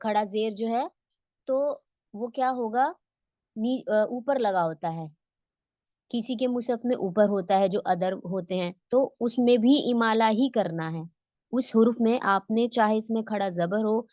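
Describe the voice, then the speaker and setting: A woman's voice: medium pitch, darkish tone, no echo, highs cut off. A woman teaching tajweed online in a patient, explanatory way, posing questions and answering them herself. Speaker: Quran recitation teacher.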